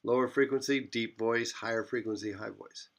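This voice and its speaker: Steady in tone and at normal speed, a mid-pitched male physics teacher lectures his class. His delivery rambles, loops back on phrases, and includes frequent self-corrections.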